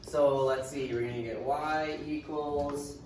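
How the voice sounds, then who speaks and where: A man's voice: on the high side, fairly even intonation, slow pace, a little mellow. A man teaching math to a class in a casual, chatty way, thinking aloud as he writes and dropping dry sarcastic remarks. He sounds distant from the mic in a very echoey classroom. A faint hiss sits under his voice. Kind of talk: classroom lecture.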